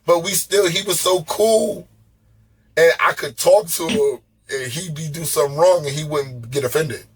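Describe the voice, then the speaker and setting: Speaking at a moderate pace, a man with a fairly high, breathy-edged voice tells stories as a podcast guest. The casual interview finds him slangy, profane and lively, often stumbling and saying words twice.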